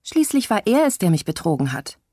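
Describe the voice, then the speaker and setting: A high, slightly breathy young girl, as a woman reader puts her on, dreamy and given to melodrama. She talks on eagerly in a dry, close storybook recording. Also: sing-song, brisk, warm tone, no echo. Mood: chatty. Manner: theatrical, then hesitant and chatty. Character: excitable young girl, dramatic, forgetful, dreamy.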